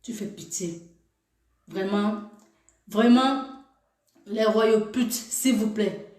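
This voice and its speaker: A woman's voice: mid-range voice, very slow, a little mellow, echoey room. A woman commenting on a clip in a teasing, scolding way, laughing in between. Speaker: video commentator. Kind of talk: mocking reaction commentary.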